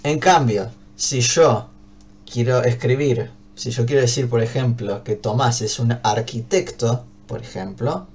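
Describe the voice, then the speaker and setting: A man with an Argentine Spanish accent and a medium-pitched, darkish voice teaches an English class. He explains patiently and keeps checking that students follow, often asking "¿bien?".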